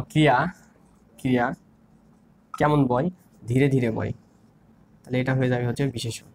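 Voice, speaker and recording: Young male tutor, mid-pitched, slow patient drilling, faint noise behind. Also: darkish tone. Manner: repeats terms, asks and answers his own questions. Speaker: grammar instructor. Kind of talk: online grammar lesson.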